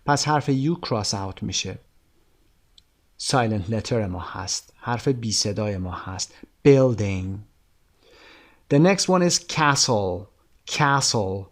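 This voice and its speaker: Man, Persian accent, English teacher, slow careful English examples, quick explanations, middle pitch. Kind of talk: recorded language lesson.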